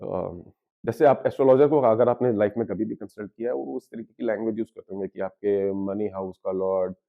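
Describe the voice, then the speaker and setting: A man's voice: fairly low pitch, brisk, vocal fry. Guy explaining spiritual stuff, asks then answers his own questions, mixes in english words, kinda muffled audio. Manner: switches freely between Hindi and English. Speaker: astrologer.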